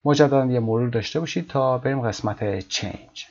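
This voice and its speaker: A man teaching an English vocabulary lesson, explaining words one by one and reading English example sentences slowly and carefully. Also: medium pitch, a little mellow, highs cut off.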